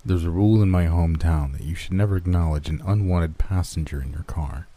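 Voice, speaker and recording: A man giving scripted narration of scary stories in a measured, steady way. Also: deep voice, no echo. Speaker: horror story narrator.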